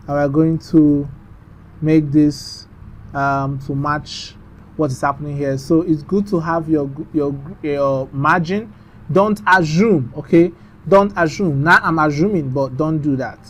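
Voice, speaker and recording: A man talking through a screen-recorded design tutorial in a chatty, instructive way, often trailing off into mumbles. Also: mid-range voice.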